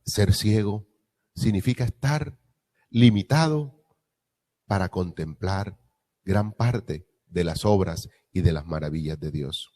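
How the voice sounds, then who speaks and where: Low, dark-voiced male preacher meditating. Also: takes it slowly. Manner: reflective, with rhetorical questions and repetition. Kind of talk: gospel reading and meditation.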